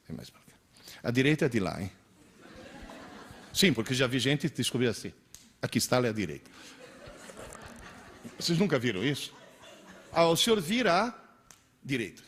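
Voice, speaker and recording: A man in his sixties with a medium-pitched, slightly rough voice lectures teachers interactively. Born in Italy with Italian as his first language, he keeps things animated by telling stories and quizzing the room.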